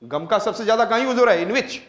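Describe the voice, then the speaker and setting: Indian man, lecturer, high-pitched, echoey room, mixes english and hindi, keeps asking the class questions. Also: lively intonation, quick pace. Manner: switches between English and Hindi mid-sentence. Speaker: teacher.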